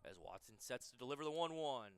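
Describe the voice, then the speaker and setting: A young man in his twenties calling a college baseball game live on radio, giving brisk pitch-by-pitch calls that lift on big plays. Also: expressive, a bit bright, smooth. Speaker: play-by-play announcer.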